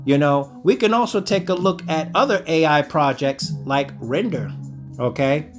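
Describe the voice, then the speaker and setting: A man's voice: a little high, moderate pace, soft background music. Self-assured man lecturing on crypto. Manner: lecturing, repeats "ladies and gentlemen" and "okay?"; self-assured, calls himself the sensei. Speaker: crypto channel host. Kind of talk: screen-share crypto commentary.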